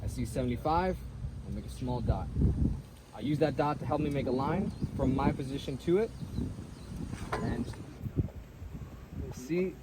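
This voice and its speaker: A man's voice: medium pitch, measured pace, pauses often. A man giving a step-by-step artillery map plotting demonstration, methodically narrating each step. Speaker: military demonstrator. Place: outdoors at a shaded table in a field. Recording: noisy outdoor phone recording.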